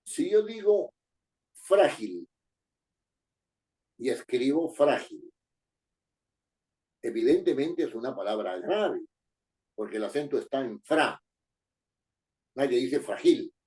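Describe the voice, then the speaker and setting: Man, teacher giving a lesson, dark warm tone, animated pitch, rhetorical questions. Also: unhurried, long pauses. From Peru. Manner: repeats key phrases, asks the class rhetorical questions. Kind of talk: spoken lesson on writing and accent marks.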